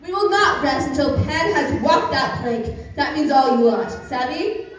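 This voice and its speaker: A woman playing a blustering pirate captain in a live stage play, with loud, stagey taunts and stumbling over her words. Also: sits high, lively intonation, measured pace, voice pushed down. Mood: commanding. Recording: very echoey hall, far from mic, noisy.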